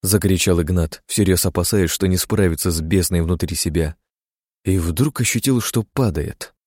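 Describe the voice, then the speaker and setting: A man reading a fantasy audiobook as narrator, in a dramatic, steady reading style. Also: low voice, moderate pace, no room sound, studio quality. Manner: dramatic, steady reading that voices characters' shouts.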